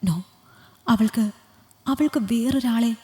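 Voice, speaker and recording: A woman's voice: on the high side, takes it slowly, a little mellow. A woman voicing a lovesick young male doctor, asking pleading, breathless questions. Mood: distraught. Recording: long hall reverb.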